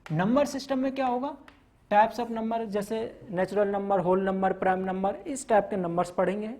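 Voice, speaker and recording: In a high-pitched, steady, slightly mellow voice at normal speed, a man teaches a maths class. He lists topics and explains them step by step, slipping in English terms and frequently asking students "theek hai na."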